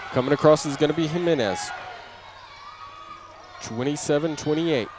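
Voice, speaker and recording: Calling a basketball game live, this man has a slightly high voice at normal speed, delivering clipped running phrases that rise on big plays. It's radio-style commentary from an indoor gym, and the audio is clearly noisy, with gym ambience and a bouncing ball behind him.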